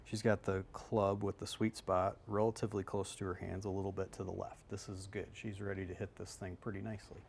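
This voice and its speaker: A man's voice: low voice, flat delivery, a little fast, vocal fry, few pauses, darkish tone, a little hiss or hum. A man working as a golf instructor, explaining swings in a loose, conversational way on a live analysis show.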